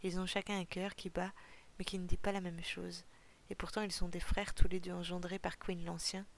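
A woman reading out a kind young peacemaker in a storybook, calm and steady. His voice is low and gravelly. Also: moderate pace, a little hiss or hum.

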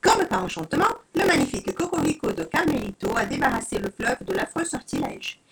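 A woman storyteller reading a children's story aloud with expressive, dramatic narration. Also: high voice, brisk, vocal fry, low-quality recording. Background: soft music.

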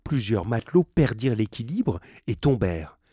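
A man's voice: medium pitch, sing-song, normal speed, dark tone, husky, dry recording, clean studio sound. A man reading a novel aloud, stopping now and then to restate hard words in plain terms. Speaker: reader of a novel.

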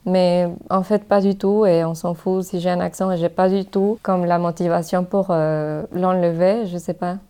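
A woman's voice: lowish voice, steady tone, moderate pace, few pauses, warm tone, clean tone. A young woman from Mexico, a native Spanish speaker, speaking French with a Mexican Spanish accent in a thoughtful, hesitant interview, with frequent fillers and restarts. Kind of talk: casual interview talk.

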